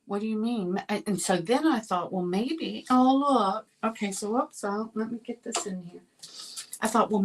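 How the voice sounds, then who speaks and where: A woman's voice: on the high side, poor audio. A woman hosting a card-making livestream, chatting casually with viewers while she works. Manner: chatty, addresses viewers as y'all. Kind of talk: casual crafting demo with storytelling.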